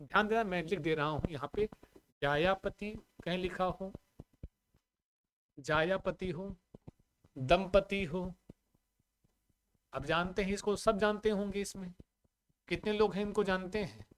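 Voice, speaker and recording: High-voiced male Sanskrit teacher. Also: a bit bright. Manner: drills students with repeated questions and checks on the audio; recites Sanskrit compound examples in a measured, chanting way. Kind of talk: live online grammar class.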